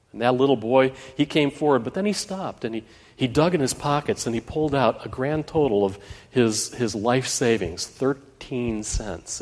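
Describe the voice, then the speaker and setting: A man's voice: medium pitch, in a large hall. A man preaching a Christmas sermon in a church, telling a story earnestly with frequent restarts.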